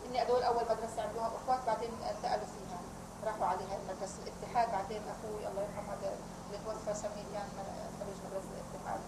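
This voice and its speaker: An older woman from Palestine recounting family memories in a rambling, animated interview. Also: mid-range voice, very fast. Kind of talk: oral history recollection. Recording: roomy, loud vehicle noise.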